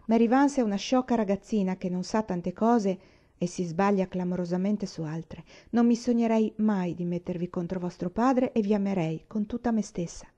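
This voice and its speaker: A woman voicing a kind grown woman who speaks softly and tenderly to a child in an audiobook. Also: medium pitch, normal speed, dull audio, close to an everyday voice. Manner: soft, tender, reassuring.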